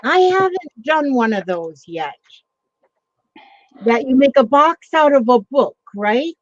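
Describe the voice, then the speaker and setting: A woman with a high-pitched, very animated voice hosts a casual livestream chat at a slow pace. She rambles along with lots of ums and greets viewers by name. The sound is dull and lo-fi, with no room sound.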